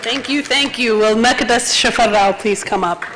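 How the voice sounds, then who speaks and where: A woman's voice: fairly high pitch, normal speed. A woman emceeing a live award ceremony in a banquet hall, soothing and coaching an honoree in an encouraging manner. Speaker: event emcee. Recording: loud crowd and noise in a banquet hall.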